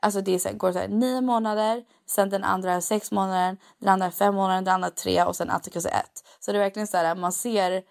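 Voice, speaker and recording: A young woman with a Swedish accent, chatting casually and telling animated stories, slipping English phrases into her Swedish. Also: mid-range voice, creaky, hardly any pauses. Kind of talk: casual chat.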